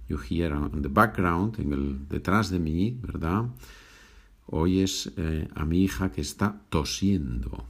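A low, gravelly male voice with a husky edge takes a podcast lesson from his home. He speaks slowly and repeats each phrase before switching to English to explain it. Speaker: language teacher.

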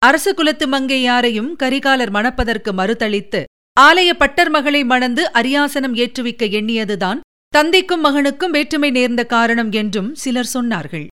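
Woman narrator, historical novel reading, steady delivery, smooth clear tone, fairly high pitch. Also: normal speed.

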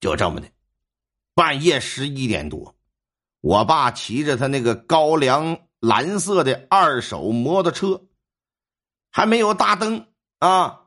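A man telling a ghost story in a colloquial, animated way. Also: mid-range voice.

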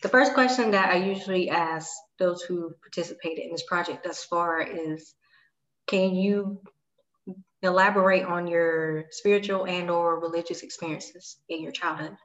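A woman interviewing a guest in a friendly, relaxed, conversational way. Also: fairly low pitch, normal speed, roomy sound, dull audio.

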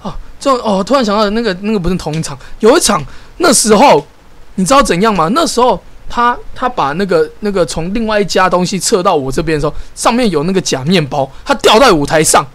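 A man, co-hosting a podcast and telling stories in casual chat, animated and exasperated, with frequent restarts. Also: high voice, fast. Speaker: podcast co-host.

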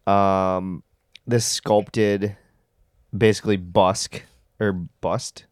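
Male podcast co-host, very low voice, joking banter, dry sound. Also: fairly even intonation, very slow, clear, resonant tone, dry recording. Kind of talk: casual chat.

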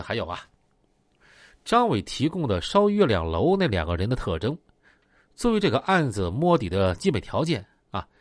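A man voicing a middle-aged male police chief who gives orders in a measured briefing tone. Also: mid-range voice, dry recording, clean studio sound, natural voice.

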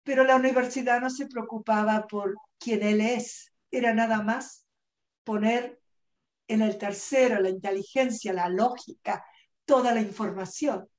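A woman guest who works as a self-management coach, speaking in an earnest, measured way, acting out her own inner dialogue and slipping English words into her Spanish. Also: on the high side, fairly even intonation. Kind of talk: podcast interview talk.

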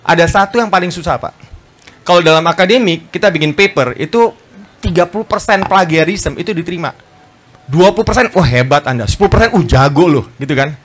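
A man talks quickly and eagerly at a bookstore book talk. His voice sits a bit high, and he jumps into quoted voices as he goes. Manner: animated, fast, acts out quoted voices, often adds "Pak". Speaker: book author speaking at a book talk. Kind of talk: lively public talk to an audience. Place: bookstore event space.

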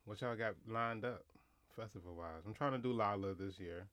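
A man's voice: fairly low pitch, normal speed, fairly bright tone. A young man co-hosting a podcast, talking in loose, profane, slangy banter. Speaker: podcast co-host. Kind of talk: casual chat.

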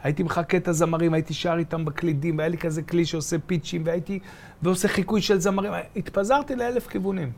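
A man's voice: a little high, slight background noise. A middle-aged man from Be'er Sheva, a comedian telling stories as a guest in a casual interview and acting out voices and sounds. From Israel, from Be'er Sheva. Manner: animated, acts out voices and sounds.

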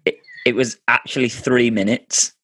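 A man's voice: medium pitch, steady tone, moderate pace, fairly bright tone, no room sound, clean studio sound. A man in his thirties hosting a casual family chat, earnest and often restarting his sentences. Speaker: podcast host.

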